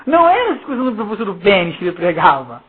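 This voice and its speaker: Racing along with wildly swooping pitch around a medium center, a husky Carioca preacher from Rio de Janeiro reads Bible verses and comments informally. He's emphatic, mocking and slangy, peppering listeners with rhetorical questions, all on a muffled, phone-like recording.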